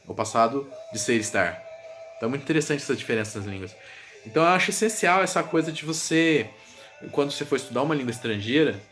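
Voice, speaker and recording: A man who teaches languages, casually explaining words in a vlog and repeating example words aloud, with many fillers. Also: mid-range voice. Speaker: language teacher and video creator. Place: home room with a gaming setup. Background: music playing softly in the background.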